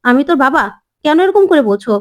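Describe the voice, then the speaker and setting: A man's voice: very high-pitched, lively intonation, quick pace, pitched above the performer's own voice. A woman voicing a smug, scheming father who mocks his estranged wife, in a taunting, sarcastic manner, as she narrates a serial's episode.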